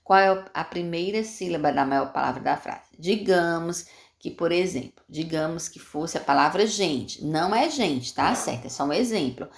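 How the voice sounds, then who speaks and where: A patient woman teacher explains schoolwork step by step to young children. Her voice sits low and has a gravelly edge. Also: normal speed. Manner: patient, repeats steps, asks and answers questions. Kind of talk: explaining homework to young pupils.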